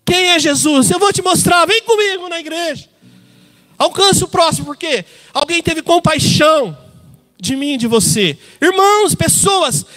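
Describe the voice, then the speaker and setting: A man's voice: very high-pitched, fairly bright tone, long reverb tail. A man with a Brazilian Portuguese accent preaching a sermon in a church, telling stories and calling the congregation brothers. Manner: storytelling, addresses listeners as brothers. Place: church hall.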